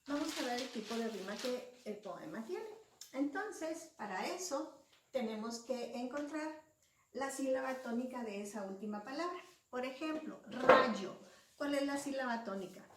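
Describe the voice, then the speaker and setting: A woman's voice: high voice, lively intonation, moderate pace, background noise. A woman teacher explaining a lesson patiently, spelling out syllables and letters one by one. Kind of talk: slow classroom explanation. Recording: echoey room, voice far from mic.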